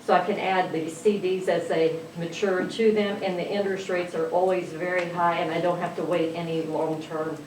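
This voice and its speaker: A woman's voice: fairly low pitch, flat delivery, darkish tone. A woman finance officer reading a council financial report, hurrying through the numbers with fillers. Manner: rushed, reeling off figures with fillers. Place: council chamber. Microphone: distant room mic. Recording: echoey chamber, distant mic, noise.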